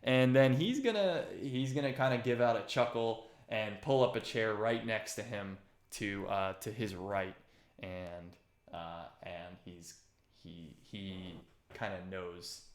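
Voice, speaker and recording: A man's voice: fairly low pitch, measured pace. A man narrating a tabletop game as game master, laid-back and full of hesitations. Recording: roomy echoey room.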